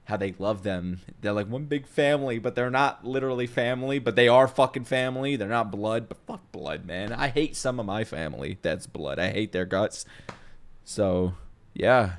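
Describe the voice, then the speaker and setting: Speaking in a lowish, animated voice at normal speed, this young man reacts to anime on camera, loose and unscripted, with plenty of slang and profanity. He sits close to a boom-arm microphone in a living room that opens onto a kitchen.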